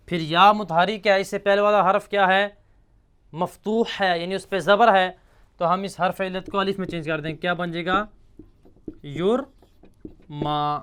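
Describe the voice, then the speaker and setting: A man teaching a grammar lesson, slowly reciting verb forms and asking and answering his own questions. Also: sits high, fairly bright tone, smooth. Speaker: teacher of Arabic morphology.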